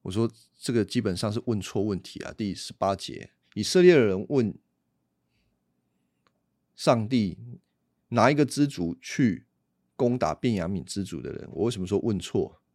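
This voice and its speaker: A man's voice: on the low side, animated, normal speed, long pauses, a little mellow, dry recording, clean studio sound. A man teaching the Bible on a podcast, explaining things conversationally and asking rhetorical questions.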